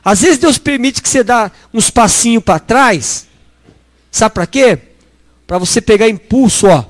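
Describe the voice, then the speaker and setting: A middle-aged Brazilian man preaching a lively sermon full of storytelling, who acts out dialogue and calls his listeners brothers. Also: extremely high pitch, unhurried, no echo. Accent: Brazilian Portuguese. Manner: animated, acts out dialogue, addresses congregation as brothers.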